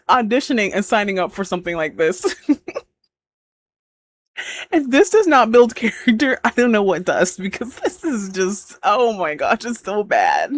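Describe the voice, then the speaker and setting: Laughing, animated reaction host woman. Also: fairly high pitch. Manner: expressive, laughs often, exclamatory. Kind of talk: casual reaction commentary.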